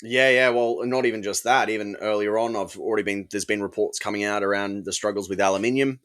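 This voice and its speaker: An Australian man co-hosting a casual beer podcast, talking in a measured way with many "um" fillers. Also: fairly low pitch, steady tone, a bit bright. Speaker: podcast co-host.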